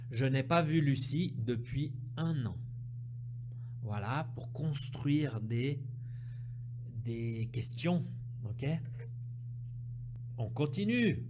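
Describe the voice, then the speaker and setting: Male language teacher, very slow and deliberate, repeats every word, slightly high voice, faint hum behind. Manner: slow, patient, repeats words and sounds, keeps checking understanding. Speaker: French teacher. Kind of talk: language lesson, correcting exercises.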